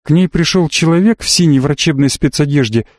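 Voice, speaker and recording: A quiet, earnest young man, read by a male narrator, talking softly and sincerely in a slightly raised voice. The sound is dry and close to the mic. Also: on the high side, a little fast, dry recording, natural voice.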